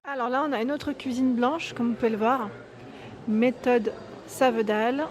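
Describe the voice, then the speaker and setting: A woman's voice: a little high, steady tone, moderate pace. A woman giving an enthusiastic, chatty walkthrough vlog in a furniture store showroom, often tagging "hein" and correcting herself. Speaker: YouTube vlogger.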